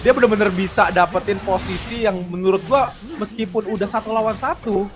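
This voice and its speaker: Over background music, a brisk, high-sitting voice breaks down the game with exclamatory enthusiasm. The commentator speaks colloquial Jakarta Indonesian, peppering his analysis with English gaming jargon.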